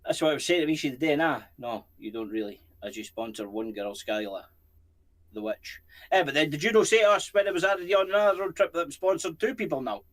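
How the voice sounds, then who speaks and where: A man's voice: fairly high pitch, animated, a little fast. Rambling Scottish man in casual chat. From Scotland. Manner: rambling, swearing, jokey. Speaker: co-host of a paranormal channel.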